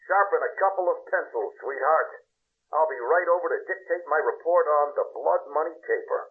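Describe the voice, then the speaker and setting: A man's voice: fairly high pitch, moderate pace. A man playing a wisecracking hard-boiled male private eye in a radio drama, heard through a telephone filter with dry quips. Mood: wry. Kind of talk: 1940s radio drama acting. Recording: tinny phone line.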